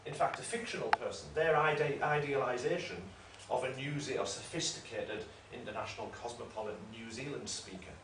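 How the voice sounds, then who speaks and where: A man's voice: medium pitch, a little fast, hardly any pauses. A man giving an academic lecture in a discursive, explanatory way, often correcting himself. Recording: roomy room, mic at a distance, faint noise.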